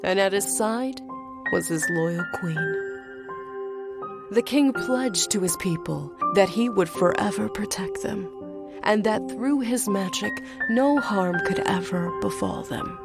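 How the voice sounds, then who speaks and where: A woman voicing a solemn, mystical wandering storyteller who speaks in grandiose, archaic phrases with breathy whispers. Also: mid-range voice, slow. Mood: solemn, foreboding. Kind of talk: theatrical fable narration. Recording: very loud music behind the voice.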